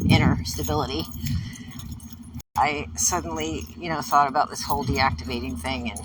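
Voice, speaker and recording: A woman talks her way through a loose, meandering monologue, chuckling between thoughts. She sits a little back from the microphone inside a moving vehicle, and steady road noise hums under her voice. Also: low voice. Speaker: podcast host. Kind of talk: rambling personal monologue. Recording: distant mic with road noise.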